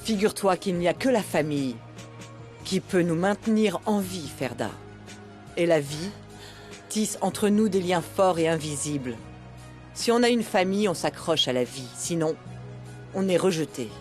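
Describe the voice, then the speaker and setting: A woman's voice: on the low side, expressive, normal speed, long pauses, a little mellow, soft background music, natural voice. A woman voicing a cold, commanding older mother. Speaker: dub actress. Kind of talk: French dub of a TV drama.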